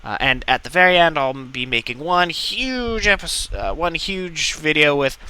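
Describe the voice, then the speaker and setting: This let's play host talks in a casual, playful, joking way, with game music and gunfire sounding behind him. His voice is fairly high, expressive, clear and resonant with a sharp tone, moving at a measured pace.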